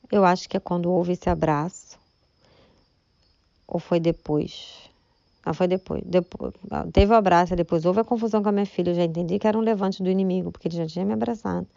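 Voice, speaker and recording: Gravelly woman giving testimony. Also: on the low side, darkish tone, dry recording, muffled recording. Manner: chatty, emotional storytelling, often asks her listeners "right?". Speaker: church member giving testimony. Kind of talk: spoken religious testimony.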